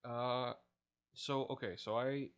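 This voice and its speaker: Young guy guest on a gaming podcast, laughs a lot, mid-pitch voice, acts out what people said. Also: slow, clear, resonant tone. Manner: animated storyteller, laughs often, acts out quotes. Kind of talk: casual chat.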